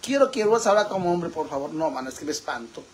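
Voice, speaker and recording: A flamboyant, campy Mexican man chatting on a livestream. His voice sits high for a man and swings widely up and down. He teases his viewers with loud, playful bursts. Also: expressive, fast talker, a little hiss or hum. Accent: Mexican Spanish. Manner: flamboyant and campy, calls viewers "sisters", laughs often. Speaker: livestream host reading viewer comments. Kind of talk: casual livestream chat.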